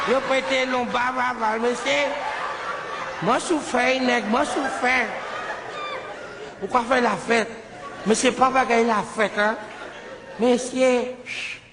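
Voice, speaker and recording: A man telling a comic story on stage in broken, childlike French, breaking into sudden shouts. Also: extremely high pitch. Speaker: comedian. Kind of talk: stand-up storytelling. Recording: live show with audience laughter and background noise. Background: audience laughing.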